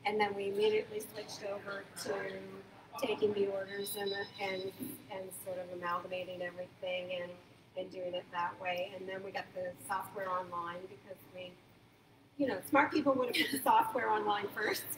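A woman's voice: mid-range voice, level tone, moderate pace. Older woman talking in an echoey hall. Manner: chatty, enthusiastic, many fillers and restarts. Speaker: farmers market manager. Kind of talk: casual interview. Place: large indoor market hall. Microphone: phone camera a few feet away. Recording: echoey hall from a distance, background hum.

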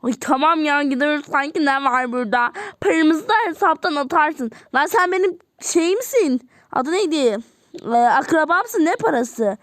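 A woman's voice: sits high, expressive, moderate pace, no echo, clean studio sound. A woman voicing a nosy, blunt middle-aged auntie who bickers and teases in a doll-game role-play. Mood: bickering. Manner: bickering, teasing.

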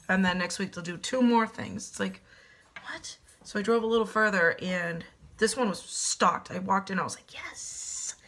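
Her voice is medium-pitched, creaky and a bit bright, with slight background noise, as this woman in her thirties, clearly losing her voice, casually walks through a home decor haul in her kitchen. A desk-distance webcam picks up her chatty, self-deprecating, cheerful talk.

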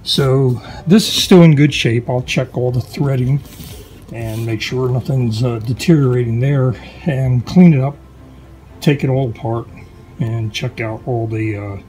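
A man's voice: medium pitch, unhurried, poor audio. Rambling middle-aged man in a workshop. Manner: relaxed, rambling with frequent fillers and restarts. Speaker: boat owner vlogger. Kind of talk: casual workshop how-to vlog. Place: home workshop garage, indoors.

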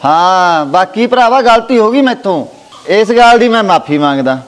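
A man's voice: high-pitched, expressive, normal speed. A man playing a sly, fraudulent village holy man who soothes and placates everyone, speaking with a Malwai Punjabi accent. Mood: reassuring. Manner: soothing, placating, calls others child. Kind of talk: village family drama acting.

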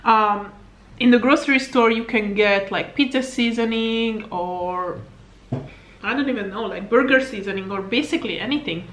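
On the high side and a bit bright, her voice moves at a moderate pace over slight background noise in a low-quality recording. She's a fitness coach in her thirties from Slovakia, a native Hungarian speaker with a Hungarian accent, casually chatting to camera in her home living room with the camera on a table at arm's length, rambling with fillers and little laughs.

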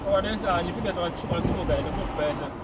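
Distant high-pitched man in a car. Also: fast talker, a crowd in the background. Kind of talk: casual chat. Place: inside a moving vehicle. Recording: loud car noise, far from mic.

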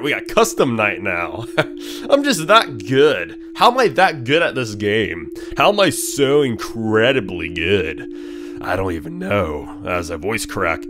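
Animated young man gaming, lively voice. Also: on the low side. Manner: animated, talks to the game characters, nervous muttering. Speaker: gaming channel host. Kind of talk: horror game let's play commentary.

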